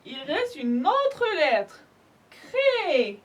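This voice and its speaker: A woman teacher with an Algerian accent leads a French lesson for small children. Her voice sits very high and moves up and down expressively. She spells out each letter patiently and praises the class often. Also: wildly swooping pitch, drawn-out words. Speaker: primary school French teacher. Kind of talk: slow, clear spelling lesson for young children.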